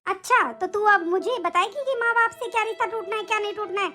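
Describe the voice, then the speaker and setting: A woman voicing a harsh, bossy middle-aged mother-in-law who taunts and scolds in an animated story. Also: extremely high pitch, fast talker, soft background music. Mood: taunting.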